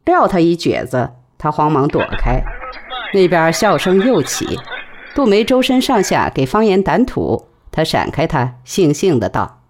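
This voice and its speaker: A woman narrating a novel in an expressive storytelling manner. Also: sits low, measured pace. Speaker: audiobook narrator. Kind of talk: novel reading.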